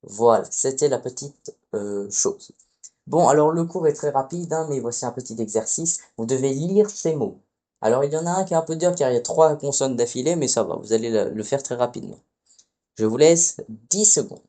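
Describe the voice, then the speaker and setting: A man's voice: medium pitch, lively intonation, normal speed, mellow. A man giving a casual spoken lesson as a teacher, hesitant and often correcting himself mid-phrase. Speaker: Latin teacher.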